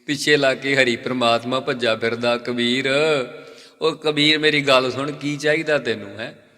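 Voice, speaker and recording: A male Sikh preacher giving a sermon. He asks and answers his own questions and slows down to chant lines of scripture. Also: medium pitch, steady tone, bright, forceful tone. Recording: long hall reverb.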